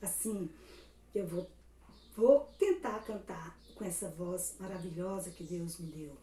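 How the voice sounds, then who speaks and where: A woman's voice: lowish voice, a little slow, mellow, a little hiss or hum. A woman with a Brazilian Portuguese accent, a Sunday school teacher giving a children's Bible lesson, who asks questions and answers them herself. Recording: echoey room, voice from a distance.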